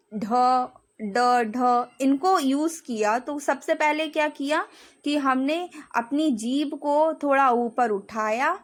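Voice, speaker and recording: A woman with a high voice gives a patient grammar lesson. She sounds out each letter herself and keeps checking in with "okay" as she goes. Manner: explains slowly, demonstrates sounds, repeats "ठीक है" often. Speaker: teacher.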